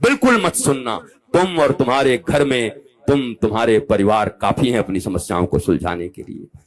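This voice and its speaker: A man in his fifties, a spiritual teacher, giving a live discourse. He speaks animatedly, rising to loud exhortation and dropping to soft asides as he addresses his listeners directly and affectionately. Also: mid-range voice, expressive, normal speed. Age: 50s.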